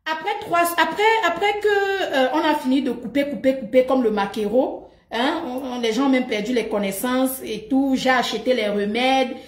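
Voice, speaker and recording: A middle-aged woman talks to her live audience in an animated, emphatic way, repeating herself and laughing often. Her voice sits a little high for a woman. The room gives it a noticeable echo. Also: normal speed. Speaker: live streamer. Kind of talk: animated gossip monologue. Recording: roomy echo.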